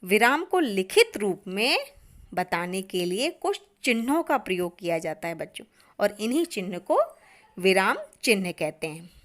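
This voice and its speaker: An Indian woman teaching an online grammar lesson to children, speaking deliberately and often addressing the class. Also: medium pitch, very animated, fairly bright tone.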